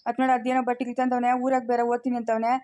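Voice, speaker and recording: A woman's voice: fairly high pitch, flat delivery, very fast, warm tone, highs cut off, natural voice. A woman playing a scolding, exasperated elderly village mother, speaking in a comedy skit.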